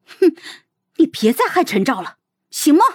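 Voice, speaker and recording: A woman voicing a proud, bitter young noblewoman who talks in a scornful, sharp way in an audiobook. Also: mid-range voice, very animated, measured pace, breathy edge, no echo, studio quality. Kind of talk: audiobook character voice.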